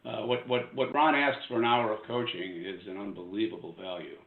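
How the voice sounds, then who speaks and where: A man with a low voice speaks up eagerly in a meeting and trips over a few words. His voice comes through thin and phone-like, with a roomy echo around it. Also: flat delivery, fairly quick. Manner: enthusiastic, stumbling over words. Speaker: club member who invited the speaker. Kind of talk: casual remarks in a meeting. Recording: tinny phone-like line in an echoey room.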